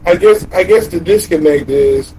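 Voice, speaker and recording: A man's voice: on the high side, moderate pace, a little mellow, slight background noise, rough recording. A young man on a group podcast, talking casually and animatedly and swearing freely, with "you know what I'm saying" as a constant filler. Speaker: podcast co-host.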